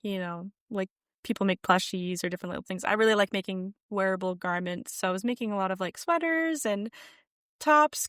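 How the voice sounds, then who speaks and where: A young woman guest on a podcast, chatting casually about her work from home, with lots of "like" fillers and lively emphasis. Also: medium pitch, no echo, clean studio sound. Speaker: podcast guest, sewing content creator. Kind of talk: casual interview chat. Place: home room with yarn shelves.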